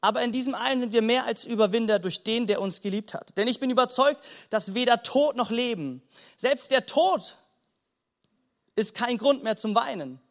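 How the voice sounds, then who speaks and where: A man's voice: very high-pitched, animated, moderate pace. A man preaching a sermon to a congregation, talking to them directly and with emphasis. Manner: direct, emphatic, keeps addressing the congregation with "hey". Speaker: pastor. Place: church service before a congregation.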